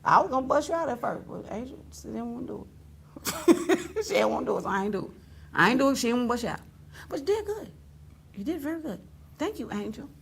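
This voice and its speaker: A woman's voice: a little high, very animated, fast, creaky, long pauses, fairly bright tone, a little hiss or hum. A woman hosting a casual talk show, teasing her guest and laughing often as she talks.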